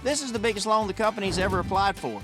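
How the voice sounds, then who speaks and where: A man's voice: sits high, quick pace. A man, a cattle business partner narrating a reality show. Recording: music behind the voice.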